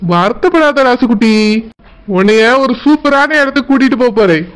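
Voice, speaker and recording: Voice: sits high, expressive, fairly quick, smooth, low-quality recording. A voice actor playing a doting older village husband who soothes his wife with endearments, in southern Tamil Nadu village speech. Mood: coaxing. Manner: soothing, coaxing, repeats endearments.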